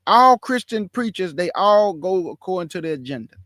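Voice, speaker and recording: A man's voice: high-pitched, animated, normal speed, a bit bright, no echo, studio quality. A man from Houston gives impassioned reaction commentary, emphatic and repetitive, calling his listeners family. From Houston, Texas, USA. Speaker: commentator reacting to a sermon clip.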